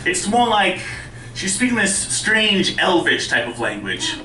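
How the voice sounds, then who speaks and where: Bright-voiced male comedian saying R like W. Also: high voice, big pitch swings, measured pace. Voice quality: speech impediment, soft R's said close to W. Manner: conversational, self-deprecating. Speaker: stand-up comedian. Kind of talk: stand-up comedy storytelling. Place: indoor live stand-up venue with audience. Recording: roomy live club, distant mic, faint noise.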